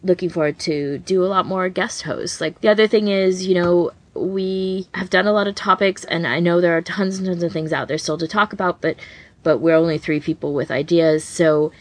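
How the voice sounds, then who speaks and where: A podcast co-host with a low-pitched voice chats casually, rambling through asides and filler words like "like" and "you know." Her tone stays steady, and she talks at a normal speed.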